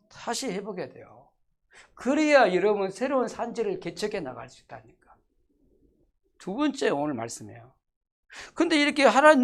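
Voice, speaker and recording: In the sanctuary, the pastor's sermon rises and falls with animated swings in pitch. Forceful, pressing statements drop abruptly into quiet, almost whispered remarks, and he keeps returning to key phrases while firing rhetorical questions at the congregation.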